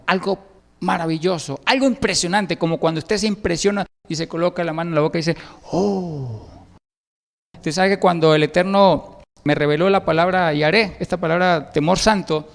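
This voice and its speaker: A man's voice: fairly high pitch, gravelly. A man preaching a sermon, emphatic, repeatedly addressing the listeners as brother and rising on key words. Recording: long hall reverb.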